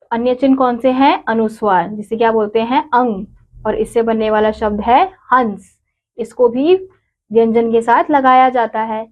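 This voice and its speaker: A woman teacher giving a grammar lesson to children, slowly spelling out each syllable and example word. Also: fairly high pitch, a little mellow. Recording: dull lo-fi recording.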